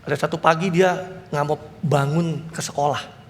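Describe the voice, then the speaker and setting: A man's voice: a little high, moderate pace. A man preaching a sermon as pastor, telling family stories and acting out the voices of his children and parents. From Indonesia. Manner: animated storytelling, acting out family dialogue. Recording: reverberant church hall with faint noise.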